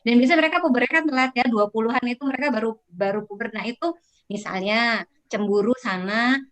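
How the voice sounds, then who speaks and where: A woman's voice: on the high side, fast, low-quality recording. A woman who heads a vocational academy, explaining things on a webinar panel in a chatty way, with many fillers and restarts.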